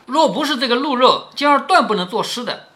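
A hearty, carefree young noblewoman from a classic novel , as a man reading aloud puts her on. The voice is bright and ringing and swings freely up and down, with a lively, emphatic delivery. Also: very high-pitched, fairly quick, pitched above the performer's own voice, full character voice. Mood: cheerful.

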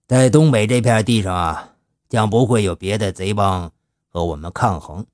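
A male storyteller voicing a shrewd older gang leader who speaks slowly and with fatherly authority. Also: fairly low pitch, a little mellow, no echo, studio quality, lightly acted. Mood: advising. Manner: slow, measured, fatherly.

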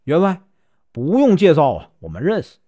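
A man's voice: on the high side, wildly swooping pitch, normal speed, mellow. A man doing a teasing scruffy monk with a Northeastern accent. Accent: Northeastern Chinese. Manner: teasing, mock-humble banter. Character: scruffy, joking wandering monk, middle-aged man.

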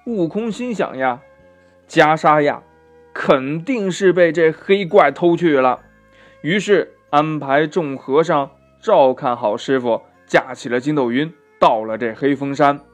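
A man narrating a children's story, gently drawing out his sentence endings. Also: fairly high pitch, unhurried, soft background music.

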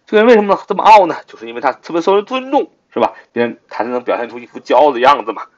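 A man's voice: on the high side, lively intonation, racing. A man teaching English vocabulary in a recorded lesson, repeating words and spelling them out letter by letter. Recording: dull lo-fi recording.

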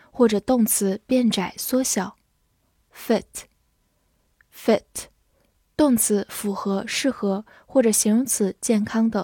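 A woman teaching English vocabulary, spelling words letter by letter and reading example sentences slowly for students to repeat. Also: mid-range voice, warm tone, dry recording, clean studio sound. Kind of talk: scripted vocabulary lesson.

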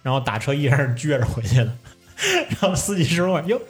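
Young male podcast host, lively swooping delivery, casual and profane. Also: medium pitch, fast, breathy edge, soft background music. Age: young adult. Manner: animated storyteller, swears, laughs often. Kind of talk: casual chat.

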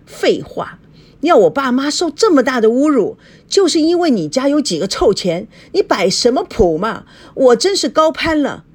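A woman's voice: sits high, sing-song, moderate pace, a little mellow, pitched above the performer's own voice. A woman doing a proud, hot-tempered young man. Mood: indignant. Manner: indignant, angry. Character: young male fiancé, proud and quick-tempered.

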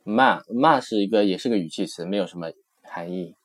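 In this recorded textbook lesson, a man with a lowish voice teaches a language at a brisk pace. He explains things patiently, says each phrase several times over, and compares the words with English.

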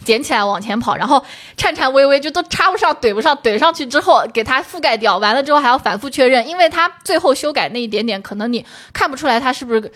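A woman co-hosting a casual chat show, telling animated work stories. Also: high voice. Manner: animated, quick storytelling with acted quotes. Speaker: podcast co-host.

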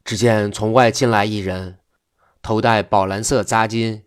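A man reading a classical Chinese novel aloud in a steady, even manner. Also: on the low side, a little slow.

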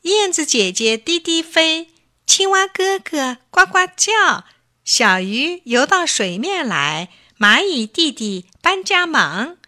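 A woman voicing a small, eager young male rabbit in a children's story, asking questions in a high, chirpy voice. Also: big pitch swings, slow, sharp tone, full character voice. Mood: curious.

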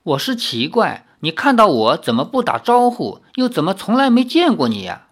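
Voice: medium pitch, moderate pace, husky, voice pushed up, exaggerated voice. A narrator doing a teasing young chief's daughter. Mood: cool. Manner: calm, mocking, confident. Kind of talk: audiobook character voice.

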